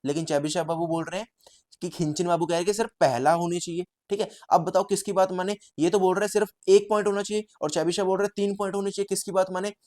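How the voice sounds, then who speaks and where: Male teacher, storytelling lecture, lively, repeats himself, slightly higher voice. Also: quick pace. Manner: lively, repetitive, addresses viewers as bhaiya. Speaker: statistics teacher.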